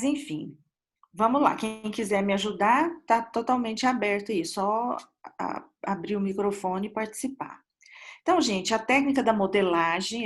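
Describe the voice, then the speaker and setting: A woman teaching a dentistry class on a video call, talking through answers in a conversational way with many fillers and restarts. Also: medium pitch. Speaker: dentistry lecturer. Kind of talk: online class lecture. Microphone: computer mic on a video call.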